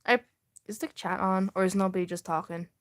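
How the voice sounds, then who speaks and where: A young woman on a live stream reads her past fan fiction fairly quickly, her mid-range voice fairly even in intonation. The casual reading is punctuated by self-mocking, swearing remarks, frequent laughter, and sentences she abandons halfway.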